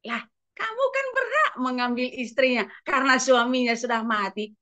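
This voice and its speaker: A woman's voice: sits high, lively intonation, bright, forceful tone. A woman preacher voicing a scheming male devil who scolds and coaxes a king into a plot, in a dull lo-fi recording. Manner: scolding, brisk instructing.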